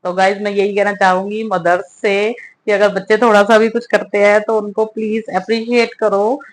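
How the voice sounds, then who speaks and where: A woman's voice: medium pitch, normal speed, a little hiss or hum. Chatty mother telling a home story. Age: middle-aged. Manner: chatty, animated, laughing often. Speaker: vlogger. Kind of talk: casual storytelling vlog.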